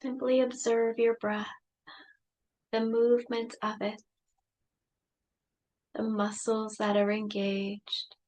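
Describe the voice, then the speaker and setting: A woman leading a guided meditation, speaking softly and soothingly with long pauses. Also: on the high side, little pitch movement, poor audio.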